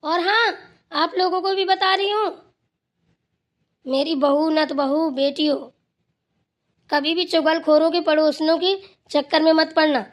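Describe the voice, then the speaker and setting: A woman's voice: high voice, measured pace, pauses often. A woman voicing a stern, wise old grandmother in a cartoon who scolds and lectures the family. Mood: lecturing. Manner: scolding, then lecturing with advice. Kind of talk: cartoon voice acting.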